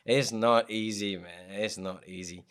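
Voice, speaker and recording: A man's voice: fairly low pitch, fairly even intonation, a little slow, fairly bright tone, clean tone. A man hosting a casual interview, hesitant and encouraging, with frequent restarts. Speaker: podcast host.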